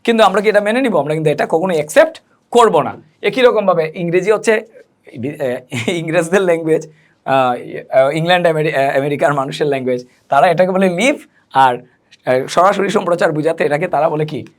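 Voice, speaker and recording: Teaching English aloud, this man takes things slowly, spelling out words and posing questions he then answers himself. His voice is a little high.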